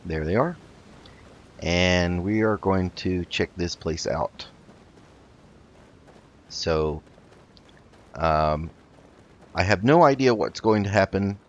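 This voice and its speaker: A low-voiced man hosts a video game roleplay let's play, giving casual, hesitant commentary as he thinks through his moves. He speaks slowly with long pauses, and the slightly dull sound suggests a modest home recording.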